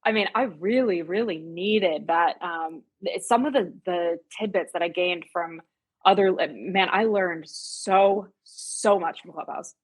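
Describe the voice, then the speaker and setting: Being interviewed as a real estate agent, a woman from the United States and Germany speaks casually at a measured pace in a slightly low voice. She's chatty and emphatic, frequently repeating a word for emphasis.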